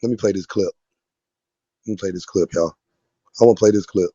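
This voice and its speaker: A man's voice: sits low, brisk, dark tone, no echo. A man hosting a live-stream panel, talking casually and rambling with many restarts. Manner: rambling, restarts often, addresses viewers. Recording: dull lo-fi stream audio.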